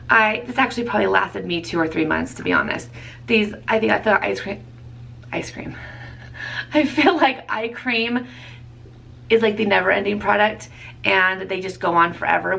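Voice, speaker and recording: A woman's voice: medium pitch, creaky, fairly bright tone, distant mic. A woman in her thirties chatting casually as a beauty vlogger, rambling and correcting herself with small laughs. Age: 30s. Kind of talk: casual product review chat.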